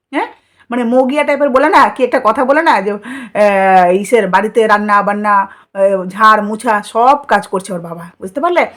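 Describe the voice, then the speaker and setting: A woman vlogger, delivering scolding, mocking commentary full of rhetorical questions. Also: a little high. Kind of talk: commentary vlog.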